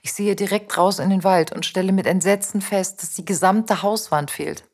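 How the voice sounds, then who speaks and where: A woman reading a first-person story aloud as the narrator, in a calm and measured way. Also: medium pitch, husky.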